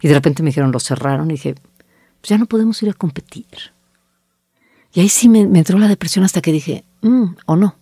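This middle-aged woman, an agency founder, appears as an interview guest and recounts her business journey vividly, quoting both herself and other people. She speaks briskly in a fairly low, warm, mellow voice that's slightly rough. The audio is close and dry, with no room sound.

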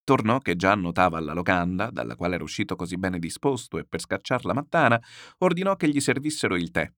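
A male narrator reads a novel aloud in a theatrical, animated way. His voice sits lowish but moves a lot. The recording is dry and close. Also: fast, dry recording. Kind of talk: expressive audiobook reading.

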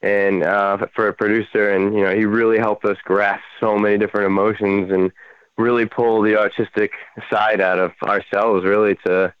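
A man's voice: fairly low pitch, level tone, normal speed, clear, resonant tone, no room sound. A man talking casually and a little ramblingly as a guest in a music interview. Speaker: band member, interview guest. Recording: dry, slightly dull radio audio.

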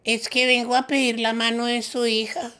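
A squeaky timid patient. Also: male voice, little pitch movement, moderate pace, heavy background noise. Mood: naive. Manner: meek, squeaky falsetto. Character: timid high-voiced male patient and suitor.

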